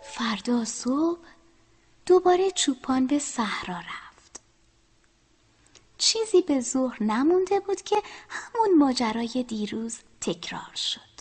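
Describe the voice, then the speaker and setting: A woman telling a children's story, speaking to the children and often dropping to a soft whisper. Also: high voice, big pitch swings, slightly rough.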